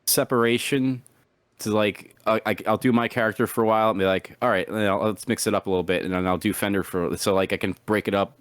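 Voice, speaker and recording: A man's voice: on the low side, fairly even intonation, fast talker, clear, resonant tone, no room sound. A man guest in a casual interview, talking in a rambling way with many restarts and acted-out asides. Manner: rambling, repeats words, acts out his own past thoughts in a raised voice. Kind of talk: casual chat.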